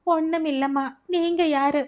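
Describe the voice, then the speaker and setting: A high, tearful voice of a frightened mother, as a woman puts her on, pleading and praying over her son's hospital bed. She rises sharply in pitch when she begs. This is a storybook reading. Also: fairly even intonation, a little slow, darkish tone. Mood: gentle.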